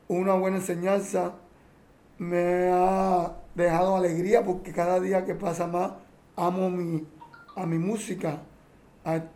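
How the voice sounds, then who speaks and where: Guy, champeta singer, pretty high voice, talks earnest and heartfelt, keeps fixing his words. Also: mellow. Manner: earnest, heartfelt, with frequent self-corrections. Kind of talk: interview answers.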